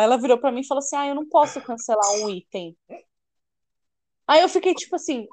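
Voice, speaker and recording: In a dry recording, a young woman's voice sits high as she hosts a casual podcast chat. She animatedly tells a heated story, voicing the quoted lines of others and throwing in some swearing.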